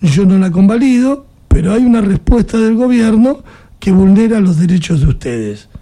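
A man's voice: sits high, lively intonation, moderate pace, mellow. An Argentine man hosting an interview, thinking aloud and asking pointed questions.

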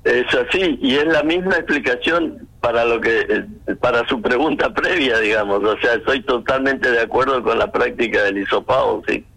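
Heard over a phone line, a man with a bright, forceful, mid-range voice that is also gravelly answers interview questions. He explains carefully and methodically but often hesitates and restarts.

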